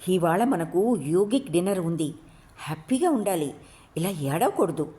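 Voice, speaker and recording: A woman's voice: lowish voice, very animated, a little slow, warm tone. A woman reading a story, voicing a carefree young hippie woman with an offhand, coaxing manner.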